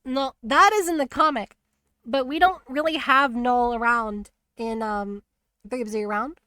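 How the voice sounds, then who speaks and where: A woman streamer chatting casually about a video game, rambling and animated with lots of fillers. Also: on the high side, unhurried, no echo. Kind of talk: casual spoiler chat on a live stream.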